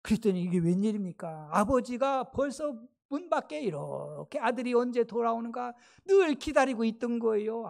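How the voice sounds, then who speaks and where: A male pastor preaching a sermon in a church, retelling a story lively and often asking the congregation questions. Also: extremely high pitch, gravelly. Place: church sanctuary.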